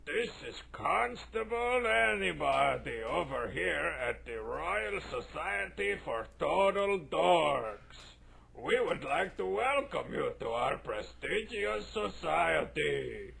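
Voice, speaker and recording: A man's voice: a little high, sing-song, slow, vocal fry, fairly bright tone, slight background noise, exaggerated voice. A man voicing a male cartoon prankster who puts on a stuffy, pompous manner in a prank answering machine message and laughs at his own jokes. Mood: mock-pompous. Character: masked male cartoon wrestler putting on a stuffy pompous gent.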